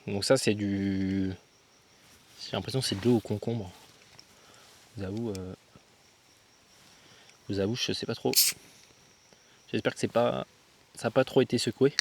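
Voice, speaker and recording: A man's voice: fairly low pitch, fairly even intonation, a little slow, long pauses, a little mellow, slight background noise. A young man chatting casually to his own handheld camera as a travel vlogger, slangy and loose, calling his viewers guys and thinking aloud with lots of fillers and restarts. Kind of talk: casual vlog talk to camera.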